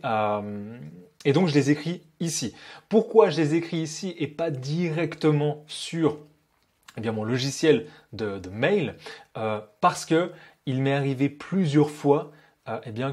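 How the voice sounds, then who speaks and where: Young male copywriter, husky voice, casual hesitant screen-share tutorial, middle pitch. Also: dark tone. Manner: hesitant, many "euh, eh bien" fillers, addresses viewer informally. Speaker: copywriter teaching software tools.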